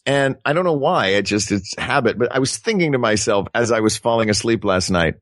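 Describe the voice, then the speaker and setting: A man's voice: mid-range voice, expressive, brisk, fairly bright tone, dry recording, clean studio sound. A man co-hosting a comedy podcast, chatting enthusiastically and explaining things with a giggly energy. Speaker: podcast co-host. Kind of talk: casual chat. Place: home studio.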